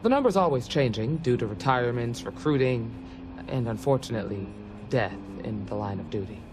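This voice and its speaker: Playing the same kind of sincere, down-home ranger recruiting officer in game dialogue, this woman speaks in a bass voice that is animated and brisk yet serious and measured in mood. Loud background music runs under the game audio.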